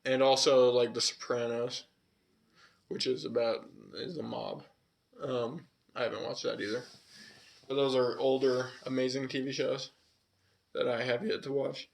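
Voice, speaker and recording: A podcast co-host from California, with a slight Southwestern tinge, chats in a rambling, casual way full of fillers and swearing. His medium-pitched voice is unhurried and flat, with some vocal fry.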